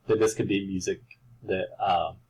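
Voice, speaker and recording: A rambling, casual male instructor with a husky, low voice. He walks through a screen-share demo full of restarts and filler words. His tone stays relaxed and informal throughout. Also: normal speed, poor audio. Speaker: computer science instructor. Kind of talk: recorded screen-share lecture.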